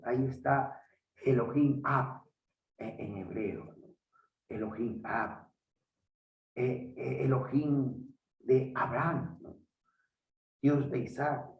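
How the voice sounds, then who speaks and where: A man teaches as a pastor, talking slowly with a gravelly edge and often pausing to check in with his listeners. He sounds set back from the microphone. The room around him is echoey. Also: mid-range voice, darkish tone, far from the mic. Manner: unhurried, halting, frequent "¿no?" tags. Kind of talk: Bible teaching talk.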